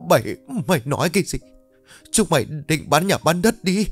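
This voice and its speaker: A man's voice: mid-range voice, very animated, normal speed, faint music behind. A man doing a frail pleading old mother. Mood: desperate. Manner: pleading, trembling.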